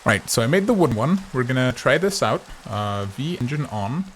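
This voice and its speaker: A man's voice: mid-range voice, very animated, moderate pace, a little hiss or hum. A man giving casual, chatty gameplay commentary as host of a gaming video, thinking aloud as he goes.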